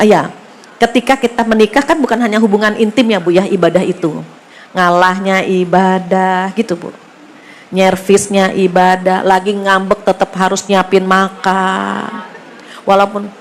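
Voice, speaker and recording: A middle-aged woman giving a sermon to women, chatty and lively, often turning to her listeners and acting out little dialogues. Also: mid-range voice, a little hiss or hum. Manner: acts out dialogue in shifting voices. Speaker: religious teacher.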